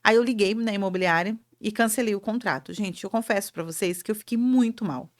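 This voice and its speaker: A woman with a Brazilian Portuguese accent hosting a show, telling a personal story in an animated, emotive way. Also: mid-range voice, fairly quick. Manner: animated, emotive, acts out quotes. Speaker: host.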